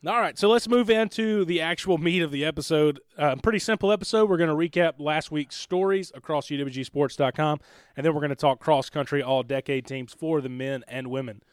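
A man's voice: fairly high pitch, fairly quick, clean tone, no echo. Chatty male podcast host, clean resonant voice, close dry mic. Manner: upbeat, chatty, laughs easily. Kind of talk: casual podcast chat. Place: studio.

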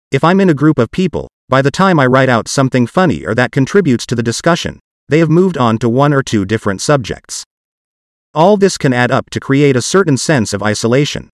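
A man's voice: mid-range voice, dry recording, clean studio sound. A man's computer-generated voice, like an old speech synthesizer, hosting a podcast with scripted, machine-like narration. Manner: evenly articulated, machine-like reading. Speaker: podcast host.

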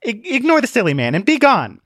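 Guy putting on a shrill high magical girl voice, mocking, storybook style. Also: huge pitch swings, brisk, fairly bright tone, no echo, studio quality, exaggerated voice. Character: dramatic magical girl, young woman, mocking.

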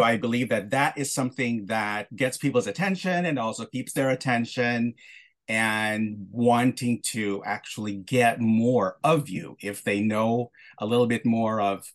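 A male interviewer originally from the Philippines, speaking at a middle pitch in a relaxed, conversational way. He circles around his questions, restarting phrases and filling gaps as he thinks aloud. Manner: halting, with frequent restarts and warm laughter. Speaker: podcast host.

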